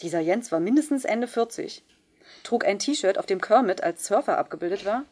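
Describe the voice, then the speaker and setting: A woman reading a first-person novel aloud in a measured, subdued way. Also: medium pitch, lively intonation, a little mellow. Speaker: audiobook reader. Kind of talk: scripted first-person narration.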